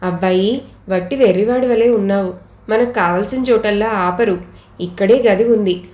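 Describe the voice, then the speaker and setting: A woman voicing a kindly, amused older male passenger who gives slow reassurance. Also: medium pitch, a little mellow, roomy sound, lightly acted. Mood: reassuring.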